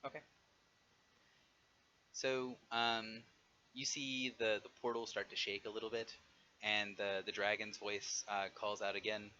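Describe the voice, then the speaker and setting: Guy game mastering online, lowish bright voice, halting explanations, slightly muffled mic. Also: little pitch movement. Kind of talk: running an online tabletop game. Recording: dull audio with faint noise.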